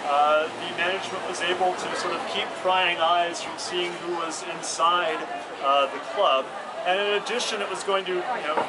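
A young man leading a walking tour of a city street for a group, earnest and full of filler "uh"s, recorded outdoors by a camera a few meters away. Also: a little high. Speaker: tour guide. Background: loud street traffic.

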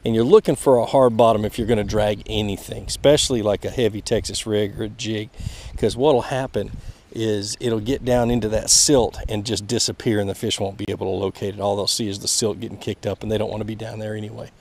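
Gravelly-voiced man fishing a pond bank. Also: lowish voice, a little fast. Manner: relaxed, explaining as he fishes, chuckling. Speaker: fishing channel host. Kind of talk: casual outdoor fishing vlog with tips. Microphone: head-mounted action camera. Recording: outdoor camera mic with faint background noise.

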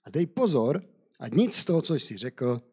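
An ancient Persian king giving commands, read by a man in a husky, mellow voice. The lines are read aloud from a scripture story with only light emphasis. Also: on the high side, very animated. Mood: commanding.

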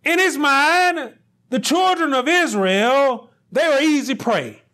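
A middle-aged male pastor with a very high voice preaches deliberately, building to loud, emphatic peaks.

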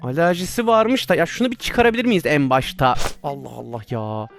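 A man's voice: fairly high pitch, fairly quick, vocal fry, soft background music. A man playing a virtual reality doctor game, commenting casually and exclaiming and laughing at his own mistakes. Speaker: VR gameplay streamer.

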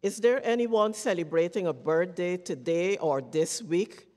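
Slow-speaking woman leading worship. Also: on the low side, a little mellow, long reverb tail. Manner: slow, measured delivery. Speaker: worship leader. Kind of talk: church announcements. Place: church sanctuary.

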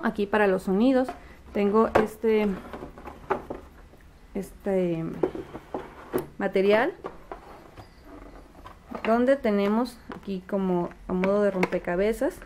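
A woman showing how she teaches her son to read at home, sounding out letters slowly and patiently with frequent fillers. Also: medium pitch, a little mellow, slight background noise. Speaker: homeschooling mother. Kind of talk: casual home teaching demonstration. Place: home, at a table.

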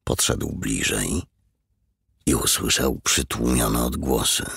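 A man's voice: very deep voice, vocal fry, slightly rough, no room sound, studio quality. A man reading an audiobook as the narrator, telling the story with tense drama. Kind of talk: scripted narration.

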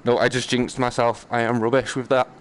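A gaming streamer mutters and exclaims to himself during casual live game commentary, jokey and self-deprecating. His mid-range voice is brisk with little pitch movement, and there's noticeable background noise and game ambience.

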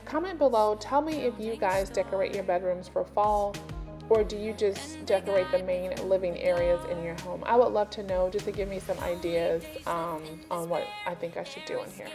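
A woman's voice: medium pitch, normal speed, over music. A woman in her thirties chatting casually to viewers as a home cleaning vlogger, talking them through her chores. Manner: chatty, addresses viewers directly. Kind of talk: casual voice-over chat.

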